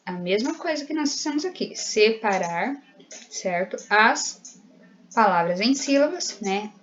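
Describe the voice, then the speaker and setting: A primary school teacher with a Brazilian Portuguese accent speaks at a normal pace in a fairly high, slightly bright, animated voice, captured on lo-fi audio with slight background noise. In this recorded remote lesson she corrects exercises, patiently guiding her pupils step by step and often checking in with "né?" and "certo?".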